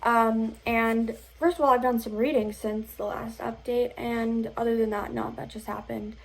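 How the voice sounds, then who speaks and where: A woman's voice: a little high, fairly even intonation, normal speed, low-quality recording. A young adult woman giving a casual vlog update in an informal, rambling and hesitant way. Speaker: vlogger.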